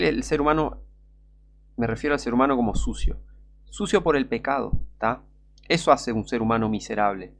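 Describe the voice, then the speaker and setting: A man's voice: mid-range voice, creaky, a bit bright. A man with a Rioplatense Spanish accent preaching a fervent, scornful sermon full of rhetorical questions. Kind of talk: impassioned street-style sermon.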